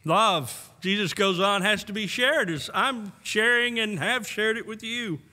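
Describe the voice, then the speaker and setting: A man in his sixties preaching a sermon from the pulpit of a church, earnest and full of rhetorical questions, often breaking into soft laughs. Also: high voice, a little slow. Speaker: pastor. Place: church sanctuary. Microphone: pulpit microphone on a stand. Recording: long church hall reverb.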